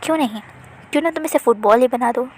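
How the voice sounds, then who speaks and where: A woman's voice: high voice, fast, darkish tone, a little hiss or hum, lightly acted. A woman voicing a mother who teases and scolds her spoiled son in a narrated story. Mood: teasing. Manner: teasing, scolding. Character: teasing mother, scolding and dry.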